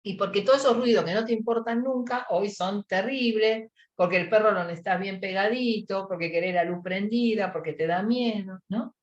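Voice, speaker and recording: A woman with a Rioplatense Spanish accent giving a lecture to professionals, lively, acting out little everyday scenes in other voices. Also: medium pitch, normal speed, hardly any pauses, reverberant, lo-fi sound. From Argentina. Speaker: psychologist lecturer.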